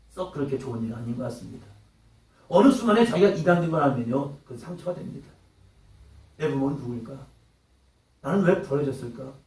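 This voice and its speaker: A man preaching a sermon in a church, dramatic, swinging between loud outbursts and hushed lines and acting out quoted voices. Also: on the high side. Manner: acts out taunting quotes in character. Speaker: pastor. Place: church hall. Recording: echoey hall, mic at a distance.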